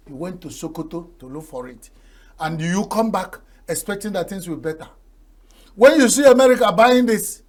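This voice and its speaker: This older Nigerian man, whose mother tongue is Igbo, has a high-pitched, somewhat dark voice. He offers homespun TV talk show remarks full of proverbs, laughing along at his own humor.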